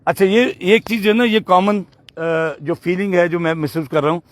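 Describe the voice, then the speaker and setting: A man teaching Quran recitation, patiently correcting a student and slowly modelling each word. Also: high voice. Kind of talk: tajweed lesson correcting a student.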